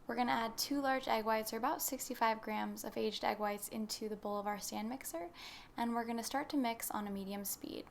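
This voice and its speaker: A woman's voice: a little high, a little fast, vocal fry, a little hiss or hum. A young woman narrating a baking recipe as a voice-over, explaining each step in a friendly instructional way. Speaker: baking channel host.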